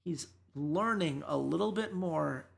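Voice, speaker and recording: A woman's voice: sits low, unhurried, creaky. A woman co-hosting an esports podcast, talking through matches in casual analysis with emphatic, exasperated rants.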